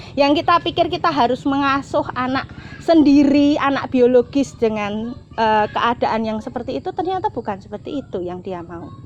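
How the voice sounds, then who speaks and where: A middle-aged woman, telling a heartfelt personal story as an interview guest, often repeating herself and swinging between bright and hushed. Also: high-pitched, slight background noise. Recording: slightly dull lo-fi sound.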